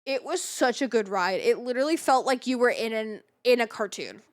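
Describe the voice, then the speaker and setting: High-pitched, bubbly young-sounding woman streamer. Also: lively intonation, fairly quick. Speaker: variety game streamer. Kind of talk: casual livestream chat.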